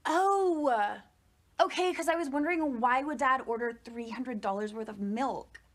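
An actress playing a breezy, scatterbrained young adult daughter with a drawn-out way of talking in a sitcom. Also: female voice, high voice. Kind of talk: sitcom acting.

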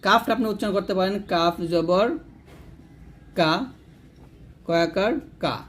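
Man drilling pronunciation, slow and repetitive. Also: high voice, fairly bright tone. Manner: repetitive, drilling syllables slowly and asking questions. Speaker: Quran recitation teacher. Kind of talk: step-by-step lesson.

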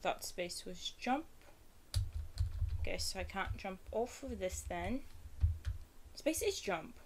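A woman's voice: medium pitch, lively intonation, slow, a little hiss or hum. A young woman giving casual, self-deprecating commentary while playing a game, chatty and nervous. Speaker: gaming streamer. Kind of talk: casual let's-play commentary.

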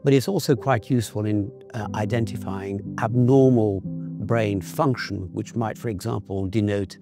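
A male physician explaining a brain test in an interview, measured and technical, with frequent restarts. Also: on the low side, fairly even intonation. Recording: music playing underneath.

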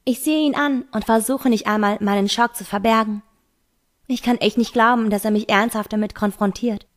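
A woman's voice: on the high side, steady tone, moderate pace. Woman narrating a homemade audiobook. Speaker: reader.

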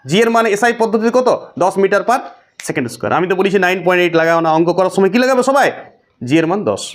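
A man's voice: sits high, expressive, fast. A male teacher lecturing on physics problems, asking his students questions and answering them himself. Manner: explains with rhetorical questions to students. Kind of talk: classroom lecture.

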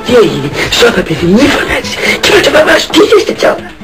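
Actor as a worn-out scolding mother, gravelly and very high, music under it. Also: wildly swooping pitch, full character voice. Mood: exasperated. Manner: scolding, exasperated. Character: weary, fussing middle-aged mother. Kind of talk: TV sketch comedy. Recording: music playing behind.

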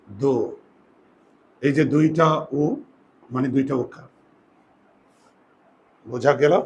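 Male teacher, slightly high voice, patient step-by-step explainer, faint background hiss. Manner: explains step by step, often asks if students follow. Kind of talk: grammar lesson at a board.

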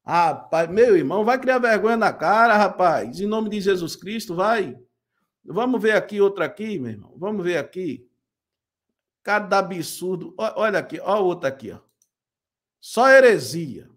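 A man's voice: high-pitched, lively intonation, normal speed. A man hosting a video channel, reacting with incredulous, mocking commentary. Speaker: channel host.

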